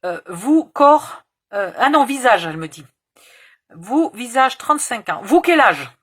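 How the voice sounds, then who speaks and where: A woman's voice: fairly high pitch, sing-song, a little slow, a bit bright, voice pushed up, full character voice. A woman putting on the voice of a blunt foreign woman radiologist who speaks in clipped, broken phrases.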